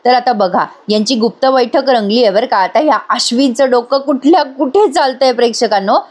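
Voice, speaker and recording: Woman reviewer, voice-over recap, chatty, slightly high voice. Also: fairly quick, darkish tone. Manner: chatty, addresses viewers directly. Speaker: episode reviewer.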